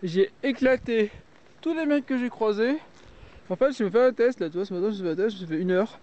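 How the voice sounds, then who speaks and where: A man's voice: high voice, fairly quick, a little mellow, muffled recording. A middle-aged man from Auvergne vlogging casually about a bike ride, blunt and swearing as he talks, with a heavy cold. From Auvergne, France. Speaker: cycling vlogger. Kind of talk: casual vlog narration.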